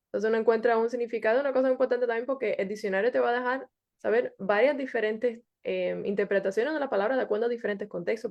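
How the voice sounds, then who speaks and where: A woman in a casual religious discussion, talking fast and sometimes searching for words. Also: medium pitch, gravelly. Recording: dull lo-fi audio.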